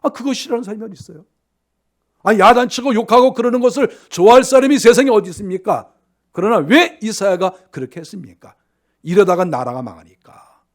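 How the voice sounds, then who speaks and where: Emphatic high-voiced male pastor. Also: animated, a little fast. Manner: emphatic, swinging between loud stresses and quiet asides. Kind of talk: sermon.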